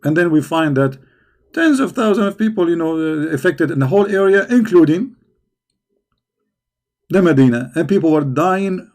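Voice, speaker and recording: A man with a slightly high, somewhat mellow voice hosts a religious debate stream, answering viewer questions with combative mockery. His intonation is lively and his speed normal, but he leaves long pauses and often repeats words while hunting for the right phrasing.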